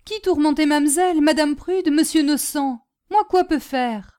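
A forlorn male servant speaking in halting, broken phrases, as a woman reader puts him on. The voice sits high and is pushed loud. It has a storybook reading feel. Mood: sad. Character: broken-French male servant, lonely and sad.

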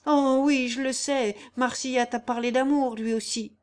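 A sickly young nobleman, lovesick and anguished, reproachful in every line, as a woman reader voices him. The pitch stays fairly high with raised emphasis. This is storybook acting in an audiobook. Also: steady tone, normal speed, a little mellow, lightly acted. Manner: impassioned, reproachful. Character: pale, feverish young male baron, lovesick and anguished. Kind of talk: audiobook character reading.

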